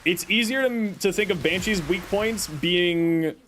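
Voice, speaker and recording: A man who is losing his voice streams a game and chats with viewers, answering them in a self-deprecating, rambling way. His voice sits high, unhurried and a bit bright, with a little hiss or hum.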